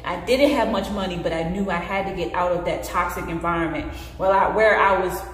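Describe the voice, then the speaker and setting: A woman's voice: fairly low pitch, fairly quick. A woman in her late twenties talks candidly and earnestly to the camera in a personal vlog, gesturing as she speaks. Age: late 20s. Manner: earnest, expressive, gestures with hands while talking. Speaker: vlogger. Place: bare indoor room. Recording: very echoey room with long reverb.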